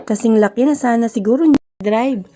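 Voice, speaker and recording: A woman narrating a romance story in mixed Filipino and English, voicing every character herself in a fairly even tone. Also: on the high side, moderate pace. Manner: voices all characters herself in a mostly even reading tone.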